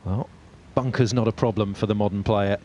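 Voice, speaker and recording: A man's voice: lowish voice, steady tone, a little fast, darkish tone, a little hiss or hum. A man working as a golf commentator, describing tournament play as it happens.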